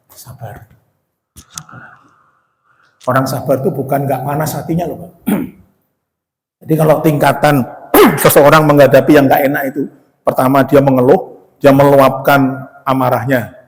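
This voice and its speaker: A man's voice: mid-range voice, fairly even intonation, normal speed, long pauses. A man giving a conversational sermon as ustadz to a mosque congregation, often calling them Pak and asking them questions. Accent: Indonesian from West Java. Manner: acts out quoted voices. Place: mosque hall. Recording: echoey mosque hall with long reverb.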